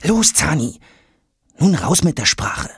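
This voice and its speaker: Eager young boy, man doing the voice, lively and bouncy, slightly husky, dry. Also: a little high, takes it slowly, no echo, pitched above the performer's own voice, exaggerated voice. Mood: teasing. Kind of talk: audiobook role.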